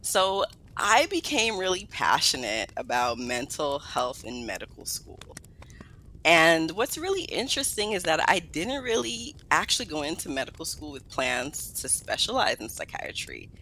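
Woman, 30s, psychiatrist guest on a podcast, upbeat, expressive pitch, light background noise. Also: normal speed, poor audio. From Guyana, raised in Brooklyn, New York. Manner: upbeat, lively, laughs easily. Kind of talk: podcast interview.

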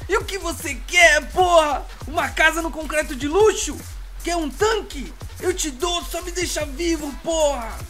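In an audio drama, a man plays a terrified, desperate victim who frantically pleads and bargains for his life using foul language. His exaggerated voice is very high, pushed and bright, a little slow, with faint music behind.

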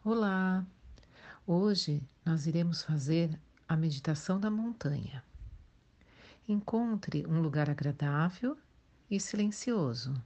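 A Brazilian woman leading a guided meditation in a soothing, gentle way, leaving long pauses. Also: sits low, animated. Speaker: guided meditation instructor for children and teenagers.

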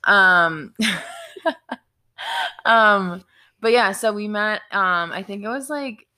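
Woman, 20s, podcast co-host; bright, tense tone, hesitant delivery. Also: medium pitch, extremely slow. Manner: hesitant, many ums and restarts. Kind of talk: casual chat.

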